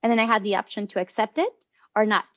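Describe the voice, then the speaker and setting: A woman whose first language is Spanish, chatting loudly and animatedly as a life coach guest on a podcast. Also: mid-range voice, quick pace. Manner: loud and animated by her own account. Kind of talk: casual podcast chat. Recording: dull lo-fi sound.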